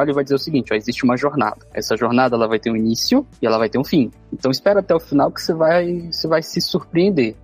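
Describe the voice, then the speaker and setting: A man's voice: medium pitch, slightly rough. A man in casual podcast chat, reflective, explaining with examples and rhetorical questions.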